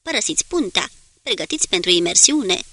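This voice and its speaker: A woman's voice: mid-range voice, very animated, bright, forceful tone, no room sound. A woman voicing a curt submarine commander. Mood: urgent commands. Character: male submarine commander barking orders.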